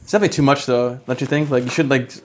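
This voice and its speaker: A young man, a pro gamer, chatting casually in a group and jumping in with quick remarks. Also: mid-range voice, steady tone. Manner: quick interjections. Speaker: pro esports player.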